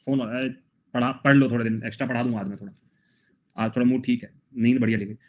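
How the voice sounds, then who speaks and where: A man's voice: mid-range voice, flat delivery, fast talker, a little mellow. A young man teaching a live online class in a casual, chatty way, joking with students between quiz questions. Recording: dull lo-fi sound.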